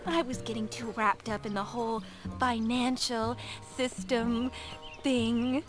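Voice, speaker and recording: A woman's voice: fairly high pitch, little pitch movement, slow, faint music behind. An actress playing a cheerful young woman, a former bank clerk who dreams of stardom, in a video game, with a bubbly, giggly manner.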